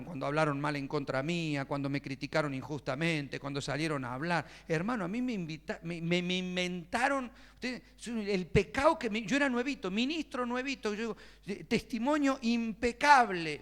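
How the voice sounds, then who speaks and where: A male pastor with a Rioplatense accent preaching a sermon, telling his own story with loud outbursts and quiet low asides. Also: moderate pace, hardly any pauses. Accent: Rioplatense Spanish. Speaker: pastor and evangelist. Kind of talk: sermon with personal testimony.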